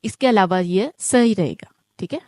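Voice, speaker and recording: A woman with a mid-pitched voice teaches an online German lesson, recorded dry and close with no room echo. She works through the material step by step and keeps checking with "ठीक है?". Each example word gets said slowly, twice. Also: darkish tone. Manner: explains step by step, often asks "ठीक है?".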